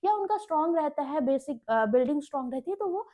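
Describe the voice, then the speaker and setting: A woman's voice: high-pitched, expressive, quick pace, dark tone. A young woman teacher giving direct, instructive bank exam preparation advice in a lecture, often checking in with her students. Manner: direct, instructive, frequent "ठीक है" check-ins. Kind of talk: Hinglish exam-prep lecture.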